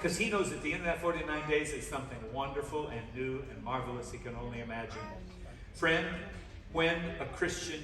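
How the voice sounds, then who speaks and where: A man's voice: medium pitch, brisk, crowd noise. A man preaching a sermon as guest pastor, mixing stories with playful asides and calling on the congregation to answer back aloud. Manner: calls on the congregation to respond aloud. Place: church sanctuary. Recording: echoey church hall, distant mic, background noise.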